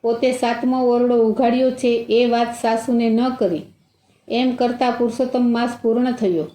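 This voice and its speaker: A woman's voice: a little high, steady tone, moderate pace, dark tone. A woman narrating a devotional folk tale as storyteller, reading the characters' speech aloud within the narration. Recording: roomy echo.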